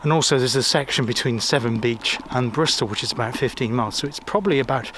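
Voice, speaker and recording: A man's voice: medium pitch, quick pace, a bit bright. A man from Gloucestershire with a local accent, chatting casually as he walks by a river and road, rambling with small restarts. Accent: Gloucestershire English. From Gloucestershire, England. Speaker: walking vlogger. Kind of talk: casual walking commentary. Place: outdoors by a river and busy road. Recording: faint outdoor road noise. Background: faint road and weir noise.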